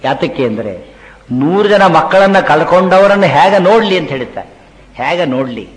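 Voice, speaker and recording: A man giving a storytelling religious discourse, slowly chanting Sanskrit verses between lively retellings. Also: a little high. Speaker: religious lecturer. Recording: echoey hall with long reverb.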